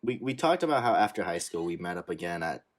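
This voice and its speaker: Laid-back low-voiced young man. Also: sing-song, fast. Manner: laid-back, slangy, laughs often. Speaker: podcast co-host. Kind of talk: casual chat.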